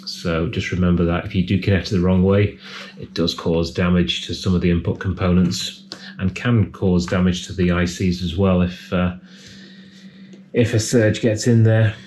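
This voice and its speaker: A man's voice: sits low, steady tone, normal speed, darkish tone, slight background noise. A man giving casual, hands-on repair commentary as a technician, thinking aloud in a tentative way. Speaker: electronics repair technician presenting a repair.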